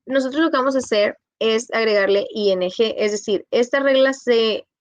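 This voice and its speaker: A woman's voice: a little high, normal speed, dry recording. Woman teaching English grammar patiently. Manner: patient, explains in Spanish and repeats in English. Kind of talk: bilingual grammar lesson.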